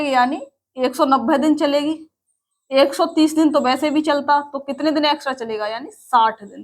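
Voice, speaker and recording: High-voiced woman teaching maths step by step. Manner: explains step by step, checks with students, asks and answers her own questions. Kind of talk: classroom maths lesson.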